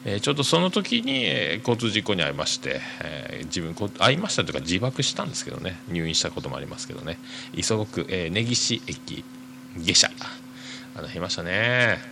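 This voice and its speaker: A man hosting a podcast, reading listener mail aloud and chatting casually in a rambling, hesitant way full of drawn-out fillers. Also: low voice, sing-song, gravelly. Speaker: podcast host.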